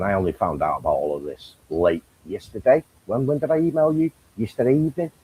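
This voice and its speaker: Husky low-voiced laid-back man. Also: mellow, low-quality recording. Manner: laid-back, swears freely. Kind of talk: casual chat.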